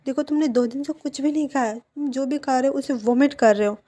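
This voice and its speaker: A man's voice: very high-pitched, a little fast, warm tone. A woman voicing a devoted, protective young husband in a storybook retelling, eager and reassuring.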